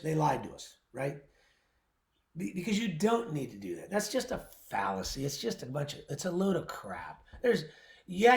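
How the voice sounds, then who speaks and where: A man's voice: on the high side, creaky. A man who owns a winery, talking casually on a livestream in a blunt, opinionated, jokey way. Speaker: winery owner and winemaker. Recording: roomy echo.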